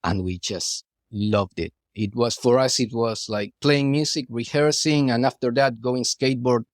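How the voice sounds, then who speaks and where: An unhurried, medium-pitched male voice belongs to a middle-aged Argentine guest artist chatting loosely in an interview. A native Spanish speaker with an Argentine Spanish accent, he often restarts phrases and uses "you know"; the studio sound is clean with no echo.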